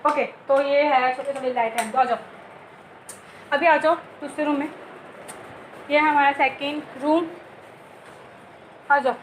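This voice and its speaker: Chatty high-voiced young woman vlogger. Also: steady tone, a little slow, pauses often, echoey room, a little hiss or hum, poor audio. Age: young adult. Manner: chatty, joking, addresses viewers directly. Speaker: vlogger giving a home tour. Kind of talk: casual home tour chat. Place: rooms of a home, indoors.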